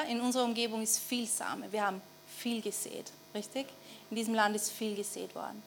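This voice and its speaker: A woman with an Austrian German accent preaching a conversational sermon. She often asks the audience for assent and slows down to stress key phrases. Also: mid-range voice. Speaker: pastor. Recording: faint mains hum.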